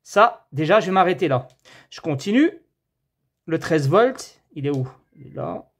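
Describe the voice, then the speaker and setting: A man's voice: a little high, big pitch swings, unhurried, breathy edge. A man giving a casual hands-on TV repair tutorial, chatting to viewers as friends and thinking aloud as he measures. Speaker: TV repair technician.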